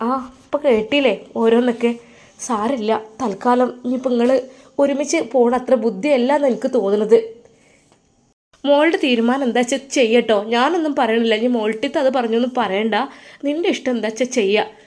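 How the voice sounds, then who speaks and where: A woman voicing a caring older sister-in-law who gives gentle but firm advice. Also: a little high, brisk, lightly acted. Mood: concerned.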